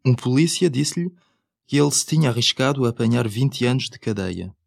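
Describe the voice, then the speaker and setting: A man's voice: mid-range voice, animated, a little fast, gravelly, no room sound. Male language-course reader: European Portuguese, mid register, scripted and careful, close dry sound. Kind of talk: scripted language-lesson dialogue.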